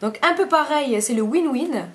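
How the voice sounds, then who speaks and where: A woman's voice: sits high, expressive, moderate pace. A woman, chatting casually through a makeup review, rambling and often correcting herself mid-sentence. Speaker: beauty vlogger.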